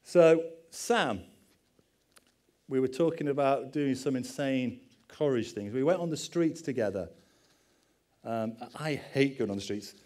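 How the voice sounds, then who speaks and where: A man's voice: medium pitch, unhurried, pauses often, darkish tone. A middle-aged man, a pastor giving a conversational sermon with personal stories and self-deprecating asides.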